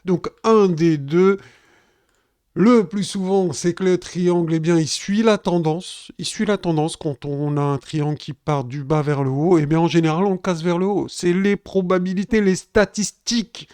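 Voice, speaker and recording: A man's voice: high voice, normal speed, darkish tone, smooth, no echo. A man giving casual live crypto chart analysis, chatting directly to his viewers. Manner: chatty, addresses viewers as "les gars". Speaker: crypto trading streamer.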